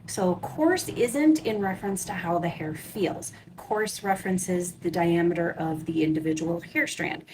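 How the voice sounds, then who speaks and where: A woman hairstylist sets the record straight with clear explanation, her voice sitting low. Steady background noise runs under her clip. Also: a little slow, few pauses. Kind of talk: explainer video.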